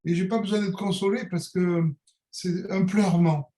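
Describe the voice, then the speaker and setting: A middle-aged man with a Niçois French accent reflects aloud, feeling his way through each idea with pauses, fillers and restarts. His voice sits a little high for a man. The room around him is echoey. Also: steady tone, mellow. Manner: searching, hesitant, philosophical, with many fillers and restarts. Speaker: calligrapher, interview guest. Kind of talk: reflective conversational monologue.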